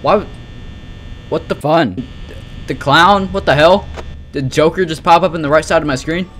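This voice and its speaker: Pitched on the high side and fairly bright, a young adult streamer's voice comes at a normal speed over a slight hiss or hum. He narrates a horror game in casual, rambling live commentary, sounding nervous and exclamatory with some swearing.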